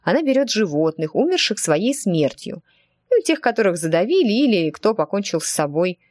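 A woman voicing a fussy, talkative middle-aged witch teacher in an audiobook, gently evasive in manner. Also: medium pitch, sing-song, moderate pace, no echo, studio quality. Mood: chatty. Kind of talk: audiobook character voice.

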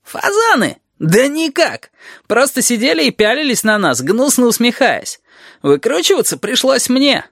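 A reader plays a sour, sarcastic male teacher who grumbles on at length and gets more heated. His delivery rises high and swings widely. It is recorded close and dry. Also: very animated, a little slow, fairly bright tone, dry recording, full character voice. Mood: grumbling. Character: gloomy, sardonic male teacher called the lizard. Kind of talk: audiobook character voice.

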